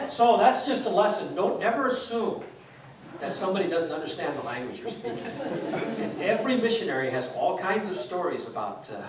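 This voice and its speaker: Speaking in a high voice, a man in his sixties from Taiwan delivers an informal guest sermon, chatting through stories with plenty of fillers, restarts and hand gestures. It was recorded inside a church sanctuary on a distant mic, so the hall echoes.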